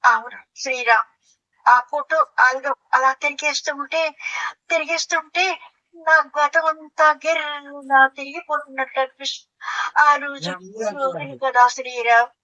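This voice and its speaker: A woman voicing a sad young woman recalling a lost college romance, speaking softly and mournfully. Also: high voice, steady tone, moderate pace, dull audio. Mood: nostalgic. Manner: soft, mournful, lingering.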